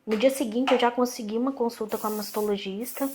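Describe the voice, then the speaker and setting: Brazilian woman, 30s, interview guest. Animated storyteller with a slightly high voice who voices the quoted dialogue. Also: fast talker, a little hiss or hum. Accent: Brazilian Portuguese. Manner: animated, acts out quoted dialogue, frequent restarts. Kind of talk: personal storytelling in conversation.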